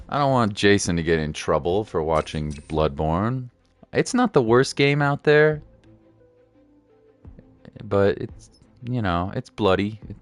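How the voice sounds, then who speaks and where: A game streamer with a very deep voice and vocal fry gives casual, playful livestream commentary, often repeating phrases for emphasis. Game music plays behind him.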